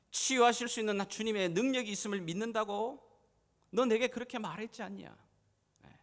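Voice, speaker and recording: A man preaching in the voice of Jesus, a gentle but firm grown man, speaking in earnest, pleading address that rises to impassioned urging. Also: very high-pitched, voice pushed up, full character voice. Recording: church hall reverb.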